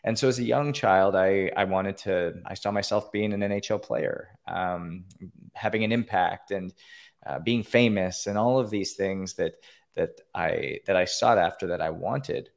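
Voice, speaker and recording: This Canadian podcast guest phones in to tell his personal story earnestly, stumbling through many fillers and restarts as he is interviewed. His low, creaky voice moves a little slowly down the call-in line.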